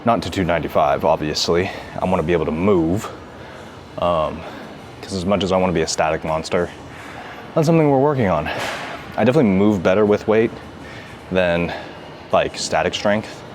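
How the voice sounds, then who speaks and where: A man's voice: low-pitched, moderate pace, pauses often. A man chatting casually to the camera between workout sets in a gym, rambling and laid-back, often saying "dude.". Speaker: vlogger. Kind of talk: casual workout vlog chat. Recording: noisy gym ambience.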